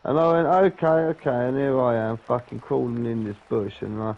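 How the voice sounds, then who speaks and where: A man rambles through a long anecdote in casual chat, dropping swear words and tagging lines with "yeah?". His voice sits at a middle pitch. The recording sounds dull and lo-fi. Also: brisk, vocal fry. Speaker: podcast co-host.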